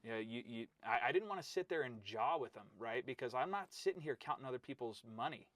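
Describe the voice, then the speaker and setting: A man's voice: medium pitch, brisk, dry recording. A middle-aged man, a wrestling coach, telling stories in a casual interview, acting out quotes and calling his listener "bro.". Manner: animated storyteller, acts out quotes, says "bro" and "right?".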